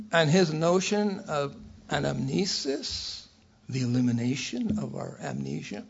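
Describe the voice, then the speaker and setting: An older man giving a scholarly lecture from a prepared text, in a measured, erudite professorial manner with a raspy voice. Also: high voice, highs cut off. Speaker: academic lecturer.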